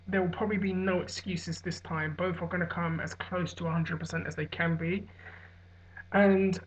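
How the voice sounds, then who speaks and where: A man's voice: high voice, a bit bright. Hungover man rambling in dull lo-fi audio. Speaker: vlogger giving fight commentary. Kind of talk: casual solo fight recap, rambling commentary. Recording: dull, lo-fi sound.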